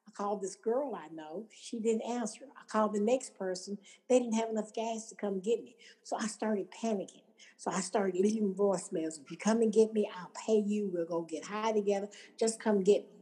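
Woman, mellow low-bright voice, personal testimony, storytelling with quoted voices. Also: brisk, few pauses, low-quality recording. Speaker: speaker telling her recovery story.

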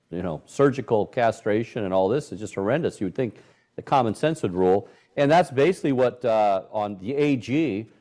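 A middle-aged man hosting a talk show, commenting on the news with indignation and animated, acted-out quotes. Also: medium pitch. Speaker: host. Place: Michigan.

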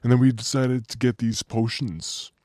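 Co-host, male, deep gas voice, playful joker, dry close sound. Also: flat delivery, normal speed, warm tone, no room sound. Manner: joking, playful banter. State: voice made deep by breathing a heavy gas. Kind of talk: casual chat.

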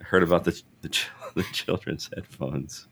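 A man with a very low, deep voice hosts a podcast over a remote setup. He sounds a little under the weather, his voice rough like he just woke up, and he rambles, restarts and chuckles as he talks. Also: fairly even intonation, moderate pace, fairly bright tone. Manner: rambling, self-correcting, laughs often. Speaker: podcast host. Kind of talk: casual interview chat. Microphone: remote call setup.

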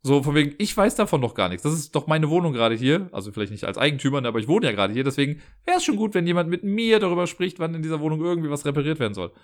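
A man's voice: a little high, big pitch swings, racing, few pauses. A man telling a story in a chatty, exasperated rant from his living room, often tagging his sentences with a questioning "ne?".

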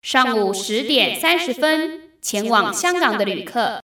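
A polished female airport announcer, read by a woman teacher, gives flight notices as if over the intercom. Her voice is bright and fairly high, measured and formal. It sounds roomy and set back from the mic. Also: expressive. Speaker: Chinese teacher. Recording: roomy, distant-miked echo.

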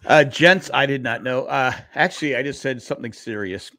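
A man's voice: mid-range voice, a little fast, sharp tone, dry recording, clean studio sound. A man co-hosting a podcast in casual chat, rambling along with many stammered restarts. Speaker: podcast co-host.

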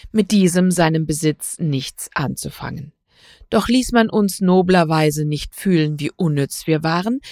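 A woman reading a literary story aloud in a measured, even storytelling way. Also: lowish voice, no room sound, studio quality. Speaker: reader. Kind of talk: scripted narration of a literary story.

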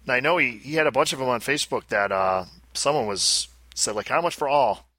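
Male co-host, bright tense tone, dry close sound, reading listings and commenting in a casual way. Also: medium pitch, a little fast, dry recording. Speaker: podcast co-host.

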